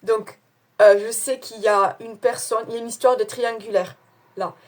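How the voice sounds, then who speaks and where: A rather high-voiced woman talks through a tarot reading to camera. Her French carries an accent of her own, and her speech wanders, full of fillers and self-amused asides. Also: fairly even intonation, normal speed, darkish tone. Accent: non-standard French accent. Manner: chatty, hesitant with many fillers, laughs at herself. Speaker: tarot card reader.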